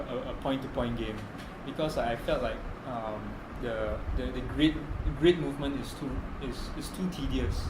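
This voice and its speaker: A man with a Malaysian English accent speaking casual, slangy English in a hesitant, rambling way during a group discussion. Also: medium pitch. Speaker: playtest participant, game designer. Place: echoey room at a playtest meet. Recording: roomy, echoey, clearly noisy recording.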